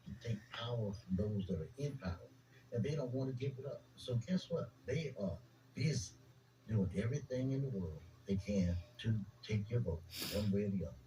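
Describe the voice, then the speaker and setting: A man speaking in a radio interview, emphatic and indignant, with a deliberate delivery. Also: fairly low pitch, lively intonation, dark tone, recorded from a distance, a little hiss or hum, low-quality recording. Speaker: interviewee, local voter voice.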